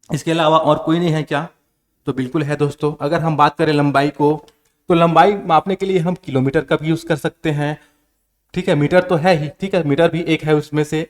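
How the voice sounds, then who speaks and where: A man with a slightly high voice and a Chhattisgarh accent, teaching a coaching-class lesson. He keeps asking the class questions and then answers each one himself, in the steady voice of a classroom lecture. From India.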